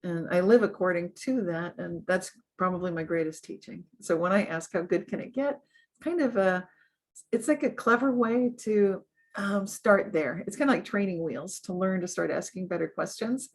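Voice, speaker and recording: A woman guest in an interview, talking earnestly and upbeat, often laughing and growing animated as she gives advice. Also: lowish voice, normal speed. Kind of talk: conversational interview.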